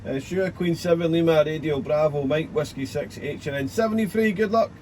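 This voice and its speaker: A man working as an amateur radio operator, deliberately spelling out call signs in phonetic alphabet and repeating himself. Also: a little high, very noisy. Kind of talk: ham radio exchange with phonetic alphabet and signal reports.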